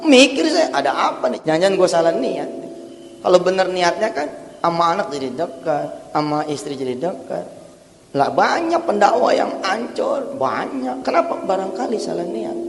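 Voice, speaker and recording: Animated preacher man with hall reverb. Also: high-pitched, creaky, slight background noise. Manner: animated, chants Quran verses in melodic recitation. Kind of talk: sermon.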